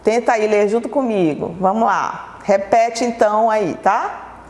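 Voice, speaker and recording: Slow, patient woman teaching children. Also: medium pitch, a little mellow, reverberant, in a large hall. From Brazil. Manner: slow, patient, asks pupils questions and answers them herself. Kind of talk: televised classroom lesson for children.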